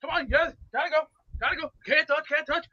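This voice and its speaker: A man's voice: very high-pitched, fast talker, pushed and bright. A man chanting and boasting playfully while calling in to a sports show. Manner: chanting, taunting. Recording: dull lo-fi line.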